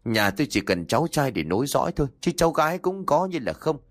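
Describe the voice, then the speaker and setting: A cruel old mother-in-law with a harsh, scolding tongue, as a male storyteller puts her on. Her pitch swings widely as she berates, and the voice sounds close and dry, with no room around it. She comes from a spoken audio story. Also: sing-song, quick pace, no room sound, close to an everyday voice. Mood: cold, harsh.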